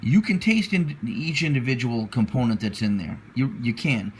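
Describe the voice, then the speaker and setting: A man's voice: medium pitch, moderate pace, darkish tone. A man giving a casual, unscripted product review as a reviewer, hesitant and often repeating himself as he searches for words. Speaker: pipe tobacco reviewer. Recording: noticeable background noise.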